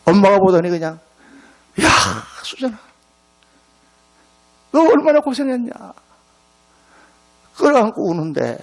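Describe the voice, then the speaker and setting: A middle-aged male pastor preaching a revival sermon in a church, telling a story and acting out its dialogue. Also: a little high. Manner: animated, acts out dialogue in the story. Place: church sanctuary.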